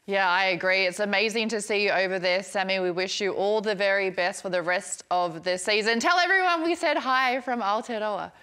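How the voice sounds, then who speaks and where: A woman's voice: mid-range voice, fairly quick, hardly any pauses, bright, forceful tone, clean tone. A woman hosting a casual sports show, bubbly as she greets and questions a guest.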